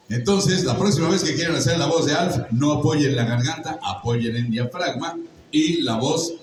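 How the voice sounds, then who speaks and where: A man's voice: mid-range voice, slight background noise. An older man with a Mexican accent tells stories to a live audience in a chatty, joking, teaching way. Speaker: voice actor guest on a convention panel. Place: large echoey convention hall. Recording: echoey hall, voice from far off.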